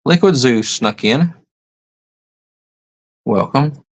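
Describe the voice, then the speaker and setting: A man's voice: medium pitch, lively intonation, very slow, breathy edge, low-quality recording. A man hosting a casual livestream, reading viewer comments and musing aloud, often stopping to rethink his words. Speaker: livestream host.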